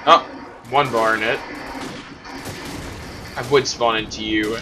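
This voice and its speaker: A man giving casual, self-mocking commentary over his own gameplay, prone to excitable outbursts. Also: on the low side, takes it slowly, noisy background. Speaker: gaming commentator.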